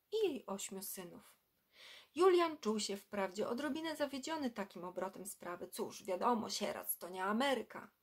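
A woman with a middle-pitched voice reads a children's book aloud. Her storytelling is measured, and she drops her voice low and quiet for the dramatic moments. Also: husky.

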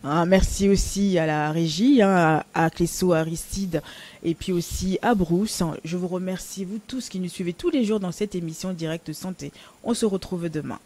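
A man's voice: sits high, moderate pace, a little mellow. A man hosting a TV health show, who echoes the guest's advice and sums it up for viewers. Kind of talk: TV health interview.

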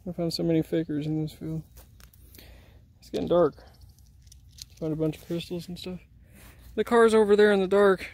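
A man's voice: sits high, level tone, normal speed, pauses often, darkish tone. A man casually narrating an outdoor arrowhead hunt in a crop field, easygoing and self-deprecating, recorded on a handheld camera. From Indiana. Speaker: arrowhead hunter filming his finds. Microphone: handheld camera mic.

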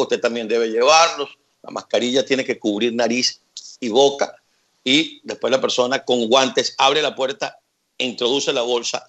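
A man hosting a live Spanish-language news broadcast, chatty, with wry asides and details repeated slowly for viewers. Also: mid-range voice, fairly bright tone. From Venezuela. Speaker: news host.

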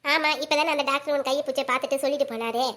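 A woman's voice: sits high, fairly even intonation, very fast, fairly bright tone. A woman playing a fussy village mother-in-law in a comedy skit, scolding and fussing over her daughter-in-law.

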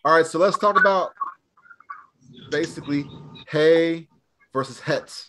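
A man's voice: on the high side, unhurried, bright, forceful tone, slight background noise. Casual man drilling a Hebrew class. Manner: casual, drilling students with questions. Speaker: Hebrew teacher. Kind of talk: live online class.

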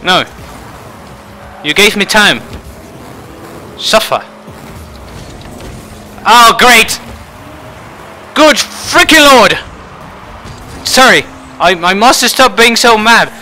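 A man giving frustrated gameplay commentary, swinging between muttering and shouting. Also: sits high, lively intonation, slow, pauses often, soft background music, low-quality recording. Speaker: gaming channel host.

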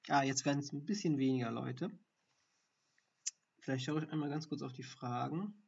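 The speaker is a male doctor teaching ECG reading on a live stream, reasoning aloud through the findings one step at a time and using fillers. His medium-pitched voice is gravelly, husky, and darkish, at a moderate pace. Stream audio is dull and lo-fi.

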